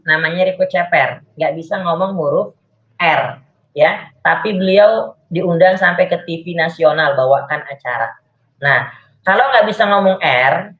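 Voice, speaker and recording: A public speaking coach teaching an online class, talking deliberately with clear pauses over a video call. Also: medium pitch. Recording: echoey, phone-like video call audio.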